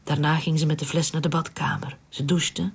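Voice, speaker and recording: A narrator reading a literary story aloud in a hushed, unvoiced whisper, in a whispered storytelling style. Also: medium pitch, little pitch movement, moderate pace, creaky, husky.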